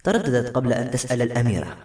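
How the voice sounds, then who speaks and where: Guy reading a novel aloud, fast, echoey room w/ faint music. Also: mid-range voice, sing-song, a little mellow. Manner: brisk storytelling. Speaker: audiobook narrator. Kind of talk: scripted narration. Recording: roomy echo, faint music.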